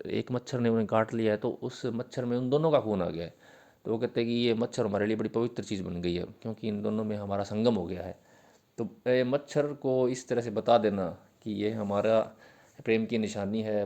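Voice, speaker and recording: A male teacher giving an exam-prep literature lecture in Hindi mixed with terms. He reads definitions slowly, then explains them patiently with fillers and repetition. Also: fairly low pitch, mellow. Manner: uses fillers, repeats points patiently.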